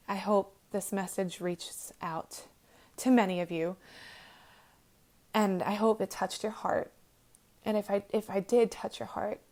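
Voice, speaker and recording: Young woman host, earnest, gentle, emotional motivational monologue with ums and restarts, close to tears. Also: mid-range voice.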